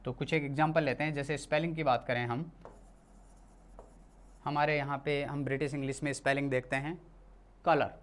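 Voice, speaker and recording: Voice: medium pitch, steady tone, a little fast, long pauses. A teacher from India giving a classroom lesson, explaining patiently and often repeating and correcting themselves. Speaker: English teacher.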